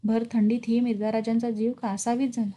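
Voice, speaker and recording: A woman giving scripted narration of a historical novel in a steady, even storytelling voice. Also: a little high, a little fast.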